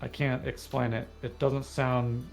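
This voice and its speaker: A man's voice: medium pitch, flat delivery, a little slow, gravelly, faint music behind. Talkative man explaining a game. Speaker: guest co-player on a livestream. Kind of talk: casual gaming chat.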